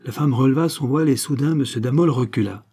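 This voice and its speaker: Male audiobook narrator, measured reading, dark tone, husky. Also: medium pitch. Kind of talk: audiobook narration of a classic novel.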